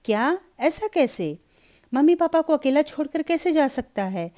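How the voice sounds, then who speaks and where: A woman's voice: high-pitched, sing-song, normal speed, warm tone, pitched above the performer's own voice. A woman voicing an anxious, insistent young married woman in a Hindi storybook reading. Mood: worried.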